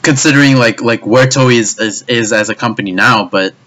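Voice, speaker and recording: Brisk and sharp-toned, this medium-pitched man rants about an anime, frustrated and swearing often. He stammers and repeats himself, and the recording carries a slight hiss or hum.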